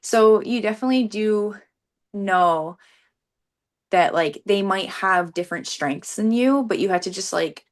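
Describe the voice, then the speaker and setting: A woman's voice: mid-range voice, unhurried. A young woman runner talking earnestly in a casual interview, peppering her sentences with "like". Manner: earnest, frequent "like" as filler. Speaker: competitive runner being interviewed.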